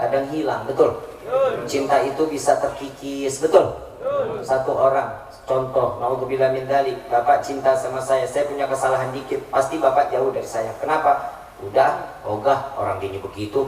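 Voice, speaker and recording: Joking preacher man, lively pitch, echoey. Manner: joking, questions the crowd often. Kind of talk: humorous religious sermon. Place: large religious gathering. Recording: echoey hall, voice from far off.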